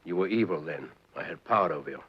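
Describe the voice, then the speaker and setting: An actor playing a suave, scheming devil who rules hell, speaking in grand, theatrical phrases, on an old 1940s film soundtrack. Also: male voice, deep voice, lively intonation, fast talker, slightly rough, muffled recording. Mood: cool.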